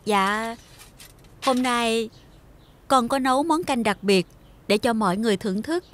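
A scheming young daughter-in-law, all honeyed courtesy. Her voice sits a little high over soft music. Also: a little slow, a little hiss or hum. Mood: sweetly polite. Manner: overly polite, honeyed. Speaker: actress. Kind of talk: TV drama acting.

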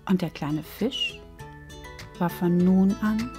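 Woman storyteller, calm and measured, reads a fable for children and grown-ups. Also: fairly low pitch, music in the background. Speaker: coach and storyteller. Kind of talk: storybook reading for children and adults.

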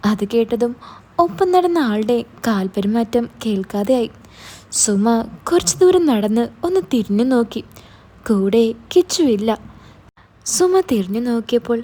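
A woman narrating an emotional family story in a gentle, even storytelling manner. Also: on the high side, moderate pace.

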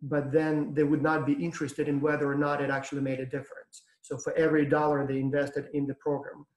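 A Ukrainian-accented man in his thirties gives a university lecture over a webcam, his voice sitting a touch high for a man and staying fairly level in tone. He explains things at an easy pace, filling pauses with ums and uhs. The sound carries the echo of a room with a brick wall. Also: completely flat delivery, a little mellow. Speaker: professor. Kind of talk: lecture to students over video call. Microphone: webcam on video call.

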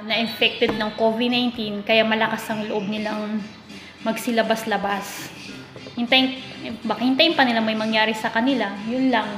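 A woman in her thirties, a worker abroad, chatting to a phone camera in a kitchen and complaining about her job. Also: fairly high pitch. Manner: chatty, complaining, mixing English into Tagalog. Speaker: vlogger, overseas domestic worker. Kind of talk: casual chat to camera. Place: kitchen, indoors. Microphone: phone camera at arm's length. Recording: echoey kitchen with music behind. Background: background music.

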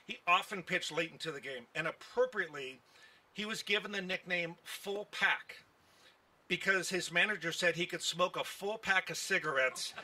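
Standing at a podium mic outdoors in a park, a baseball executive gives press conference remarks. His voice sits high and bright with a forceful tone at a normal speed, and his folksy anecdotes are full of filler words.

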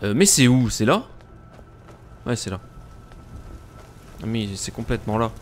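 A man streaming a live game, joking crudely and bursting into excited outbursts as he plays. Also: medium pitch, a little slow. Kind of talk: live gaming commentary.

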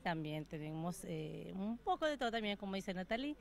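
A woman who performs as a circus foot juggler, speaking in a warm, effusive way. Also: lowish voice, big pitch swings, moderate pace, creaky.

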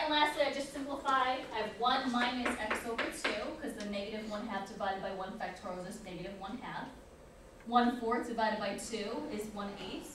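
A woman teaching a college calculus class, explaining step by step and saying "okay" often. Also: a little high. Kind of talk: classroom lecture. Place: lecture classroom. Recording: echoey room, distant mic, noise.

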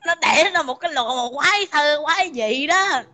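High, bright-voiced woman, casual mocking livestream chat. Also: expressive, moderate pace.

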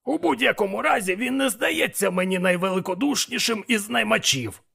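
A man's voice: sits high, lively intonation, a little fast, creaky, sharp tone, breathy edge, voice pushed up, exaggerated voice. A man voicing a blunt, bossy male demon mentor in an audiobook, scolding and impatient. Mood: exasperated. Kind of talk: audiobook character voice.

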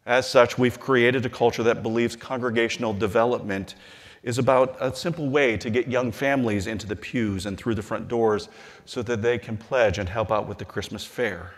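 A middle-aged man, a bishop, delivering a measured, earnest sermon-style address from a lectern in a large hall. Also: on the low side. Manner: measured and earnest, slowing and softening on scripture.

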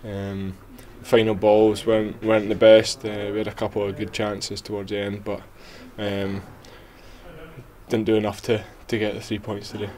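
A man's voice: lowish voice, monotone, moderate pace, darkish tone. A young man, answering post-match interview questions with many ums and restarts. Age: 20s. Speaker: footballer. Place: small indoor press area before sponsor board.

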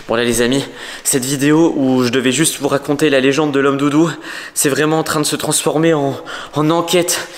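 A young man in his twenties, a YouTuber acting in a home short film, films himself on a phone held at arm's length as he moves through the dark rooms of a house. He narrates to viewers vlog-style in a hushed, suspenseful, brisk voice of medium pitch and steady tone. The rooms echo, and there's background noise.

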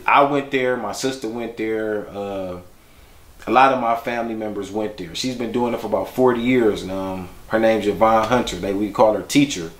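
A young man talking about his son in a documentary, reflective and halting, with many fillers. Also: fairly low pitch, echoey room. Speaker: father. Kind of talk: documentary interview, personal storytelling.

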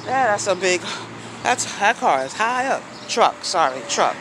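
A woman's voice: mid-range voice, very animated, a little slow. A middle-aged woman rambles casually as she walks outdoors, thinking aloud and repeating phrases into a phone held at arm's length. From New York City. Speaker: vlogger. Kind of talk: casual walking vlog chat. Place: outdoors, walking along busy city streets. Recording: noisy outdoor city street recording. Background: traffic and street noise.

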